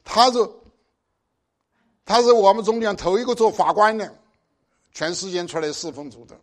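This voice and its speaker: High-voiced older preacher, exhorting. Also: male voice, lively intonation, moderate pace. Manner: exhorting, with pointed rhetorical questions. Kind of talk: sermon.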